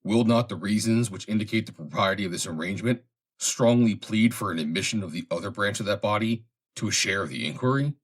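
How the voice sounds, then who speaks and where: A man with a low, husky voice reads a formal historical essay aloud from a script. As narrator, he phrases things in a measured, formal, deliberate way.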